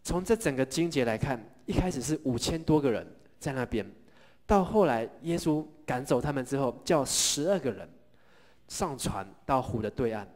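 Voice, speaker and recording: A middle-aged male pastor delivers a sermon in a mid-pitched voice. He tells the story with lively energy, asks the congregation questions and leads them in call-and-response lines. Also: normal speed.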